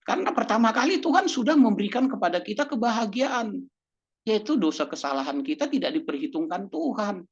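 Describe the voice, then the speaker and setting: A man's voice: high-pitched, slightly rough. A man preaching a sermon who acts out little dialogues as he goes. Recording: dull lo-fi recording.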